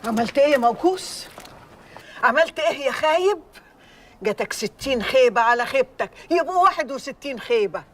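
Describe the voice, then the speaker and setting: A woman's voice: sits high, animated, fairly quick, far from the mic. An actress playing a scolding older mother with an Egyptian accent, heaping insults on her son. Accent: Egyptian Arabic.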